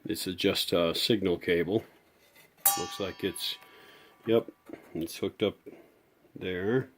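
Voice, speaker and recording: Speaking slowly in a low, steady voice with a slightly bright quality, a man talks casually through a radio repair for his restoration video. His explanations ramble in a folksy, off-the-cuff manner, and faint music plays in the background.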